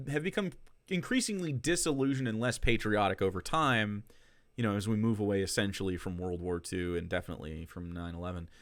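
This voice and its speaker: A man who streams political commentary reacts to clips casually, with sarcasm and profanity, laughing between his remarks. His voice is on the low side with a fairly bright tone, and the recording is dry.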